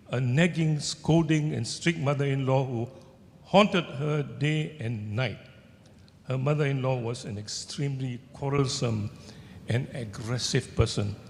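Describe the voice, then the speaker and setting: An author in his seventies or older, speaking with a Singaporean accent, shares personal anecdotes on a festival panel, halting and searching for words. He uses a handheld microphone in a large indoor hall with a seated audience, and the recording is echoey with a rumbling background.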